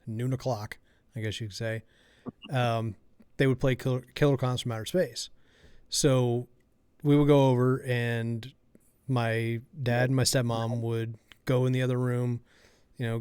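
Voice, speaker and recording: A man co-hosting a podcast, telling a relaxed story with lots of fillers. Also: mid-range voice, smooth, no echo. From Kansas City area. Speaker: podcast co-host. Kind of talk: casual chat.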